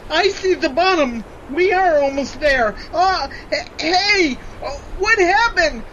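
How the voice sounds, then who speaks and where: Woman playing an earnest sled dog, high and bright. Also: lively intonation, slow pace, exaggerated voice. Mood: alarmed, urgent. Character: earnest, urgent sled dog leading the team. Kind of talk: children's audio drama acting. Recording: dull recording with faint background noise.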